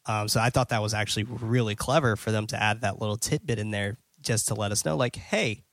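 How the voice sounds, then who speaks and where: A man's voice: lowish voice, fairly even intonation, fast talker, fairly bright tone, dry recording. A man hosting a casual movie-review podcast, recapping a plot in a loose, filler-heavy way and swearing now and then. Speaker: podcast host.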